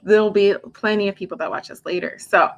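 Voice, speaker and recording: A woman's voice: medium pitch, steady tone. A woman in her forties, a makeup artist and skincare specialist, chatting casually on a live stream from home and filling her talk with "like". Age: 40s. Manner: chatty, heavy use of "like", quick asides. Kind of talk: casual live product chat.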